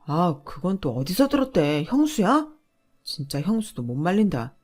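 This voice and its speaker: A selfish, defensive husband who brushes off every complaint with a sneer, voiced by a woman reading a radio drama. He argues loudly and looks down on his wife. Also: lowish voice, very animated, moderate pace, faint music behind. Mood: dismissive. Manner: dismissive and sneering.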